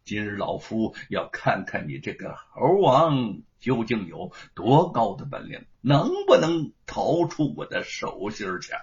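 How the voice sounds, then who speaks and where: A man voicing a cruel, arrogant old official who speaks in a slow, gloating, menacing drawl. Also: lowish voice, big pitch swings, voice pushed down. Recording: dull lo-fi recording.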